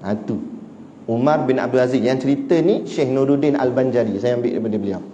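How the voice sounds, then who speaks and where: A man giving a religious lecture, telling stories in an animated way and chuckling between points. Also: mid-range voice, quick pace. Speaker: religious teacher. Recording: echoey hall, dull lo-fi sound, faint hiss.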